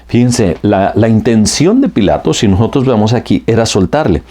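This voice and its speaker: A man preaching a sermon in a low, dark voice with a husky edge. He speaks earnestly and directly, calling the listener his dear friend and building his points through repeated phrases. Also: expressive, moderate pace. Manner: repetitive preaching cadence. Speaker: pastor.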